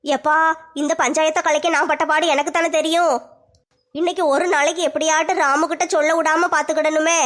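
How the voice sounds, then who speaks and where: Woman as a very high-voiced, fast-scolding mother-in-law, comedy sketch. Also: level tone, fairly bright tone. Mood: scheming. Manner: scolding, sly, fast-talking. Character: scheming sharp-tongued middle-aged mother-in-law. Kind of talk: comic family sketch acting.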